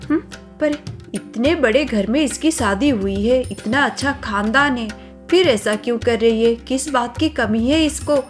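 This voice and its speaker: A woman's voice: a little high, lightly acted. A woman voicing a sensible elder sister-in-law who frets and scolds, in a cartoon story. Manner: scolding, fretful.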